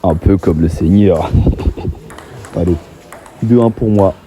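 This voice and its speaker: Young man, casual match voice-over, self-mocking, excitable, noisy recording. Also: low voice, slow. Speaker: table tennis player commenting his own match.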